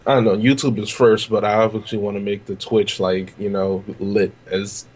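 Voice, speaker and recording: A man's voice: fairly low pitch, level tone, normal speed, darkish tone. Rambling young man hosting a podcast. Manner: rambling, lots of "like" and restarts. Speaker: podcast host. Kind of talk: casual chat.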